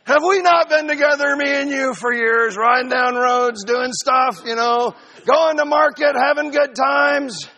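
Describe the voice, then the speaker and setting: A man's voice: very high-pitched, unhurried, few pauses, sharp tone, pitched above the performer's own voice, exaggerated voice. A man voicing a long-suffering, wise donkey that pleads with its rider in a raised, comic voice. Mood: pleading. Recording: reverberant hall.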